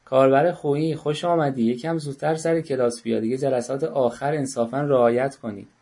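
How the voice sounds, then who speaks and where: A man leads an online parenting class in a mellow, darker-toned voice. He coaxes participants to speak, calls on them by name and teases them lightly. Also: mid-range voice, fairly even intonation, husky. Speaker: parenting workshop instructor.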